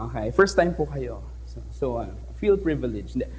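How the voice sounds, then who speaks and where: A man's voice: mid-range voice, moderate pace. A young man from the Philippines telling a personal story to a live audience on stage, playful and talkative, often asking the crowd questions. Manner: lively, playful, switches between languages, asks the audience questions. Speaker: teacher giving a talk. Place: stage in an event hall.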